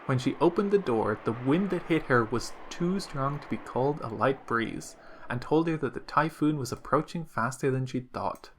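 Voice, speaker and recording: A man reading a visual novel aloud in a steady storytelling manner. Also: mid-range voice, moderate pace, slight background noise. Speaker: let's play narrator.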